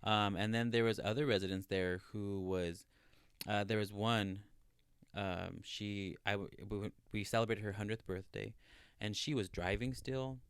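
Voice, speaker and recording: A man in his thirties chats casually on a podcast in a low, smooth voice. He tells stories earnestly, with plenty of fillers. The sound is close and dry. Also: fairly even intonation, normal speed, no room sound. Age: 30s. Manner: chatty, earnest storyteller with many fillers. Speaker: podcast co-host. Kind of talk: casual chat.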